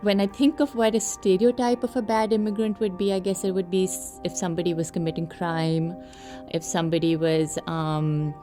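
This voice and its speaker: Thoughtful woman from Pakistan, interview, soft music bed, mellow tone. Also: fairly low pitch, fairly even intonation, normal speed. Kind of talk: documentary interview. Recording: faint music behind voice.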